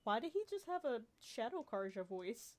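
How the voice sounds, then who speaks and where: A woman's voice: fairly high pitch, very animated, normal speed. A woman livestreaming a video game, chatting casually with playful, reactive remarks. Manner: playful, reactive, muttering to exclaiming. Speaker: live streamer playing a video game.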